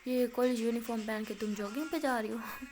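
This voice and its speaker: A woman's voice: a little high, steady tone, close to an everyday voice. A woman voicing a bossy uncle, an adult man who speaks firmly and insistently. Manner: firm, insistent.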